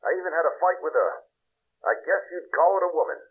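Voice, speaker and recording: A man's voice: on the high side, fast talker, breathy edge. A man playing a wisecracking hard-boiled male private eye in a radio drama, heard through a telephone filter with dry quips. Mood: wry. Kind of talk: 1940s radio drama acting. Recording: tinny phone line.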